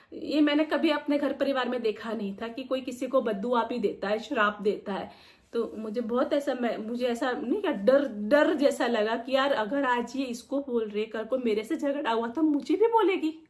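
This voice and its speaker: Young woman vlogger with a high voice, emotional and venting in casual storytelling. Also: moderate pace. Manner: emotional, venting, acts out quoted people.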